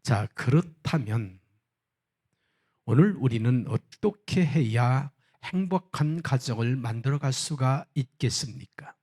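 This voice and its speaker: A male pastor preaching a sermon in church and opening with a humorous anecdote in a measured storytelling manner. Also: mid-range voice, expressive, darkish tone, husky.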